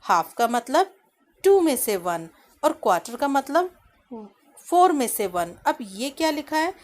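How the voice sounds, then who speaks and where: A woman with a fairly high voice teaches a children's maths lesson. She asks the class questions and then answers them herself. She slows down to read lines from the book. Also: big pitch swings. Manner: reads English lines from the book slowly. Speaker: primary school teacher.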